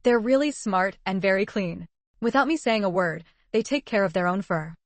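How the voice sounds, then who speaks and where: Wry, teasing young heroine, mid pitch, voiced by a woman reader, close dry sound. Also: lively intonation, moderate pace, dry recording, lightly acted. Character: sharp-tongued young woman disguised as a boy.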